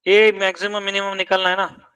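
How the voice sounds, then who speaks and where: A man's voice: sits high, monotone, fairly quick, sharp tone, smooth, recorded from a distance, poor audio. A man teaching math in a classroom, quizzing students and pressing them to check each step. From India.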